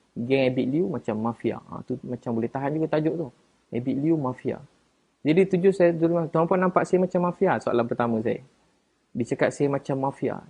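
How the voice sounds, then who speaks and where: Husky Malaysian man talking on a live stream. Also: medium pitch. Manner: chatty, rises and gets louder when defending himself. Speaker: preacher answering viewers live. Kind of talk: casual live-stream talk.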